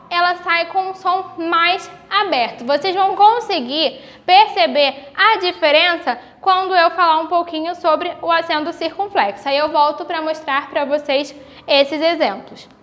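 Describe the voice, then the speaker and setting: A woman with a Brazilian Portuguese accent, teaching young children in a recorded video lesson, slowly stretching out the example words. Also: very high voice, bright, forceful tone, lo-fi sound. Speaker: primary school teacher.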